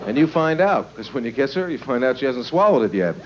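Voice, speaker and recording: Smutty stand-up man, swooping lively pitch. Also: quick pace. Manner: leering, smutty joking; conversational, rhetorical questions and acted-out quotes. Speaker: stand-up comedian. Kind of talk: live stand-up comedy routine. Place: live stage before a laughing audience. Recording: noisy, muffled live club recording.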